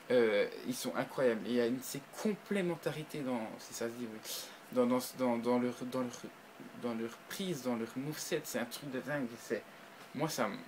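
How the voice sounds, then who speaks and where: Male reviewer, mid pitch, casual talk to viewers. Halting, full of restarts, flares up with excitement. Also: a little hiss or hum, low-quality recording. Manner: hesitant, frequent restarts and fillers, bursts of excitement. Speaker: video reviewer. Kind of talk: casual spoken review to camera.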